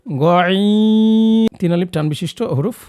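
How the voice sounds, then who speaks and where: A man's voice: fairly high pitch, expressive, fast talker, mellow, dry recording, clean studio sound. A man teaching Quran recitation step by step, patiently modelling each letter sound and encouraging the listener to repeat after him.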